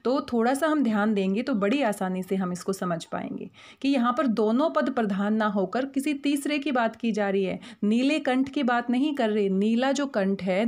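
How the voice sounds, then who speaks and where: A woman teaching Hindi grammar over slides, patient and methodical, slowing down to spell out each example word. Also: fairly high pitch, a little mellow.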